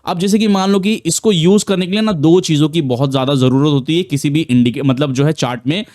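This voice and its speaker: A man's voice: a little high, fast, a little mellow, dry recording, studio quality. A man giving a casual, repetitive screen-share trading tutorial, full of fillers and restarts. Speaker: trading educator.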